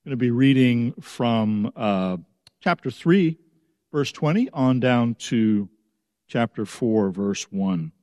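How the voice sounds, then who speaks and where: A man preaches slowly and thoughtfully from the pulpit, his mid-range voice settling into measured phrases. His sermon carries the long reverb of a sanctuary. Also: medium pitch, expressive, warm tone, studio quality. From United States. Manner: slow, measured, reflective delivery. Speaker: pastor.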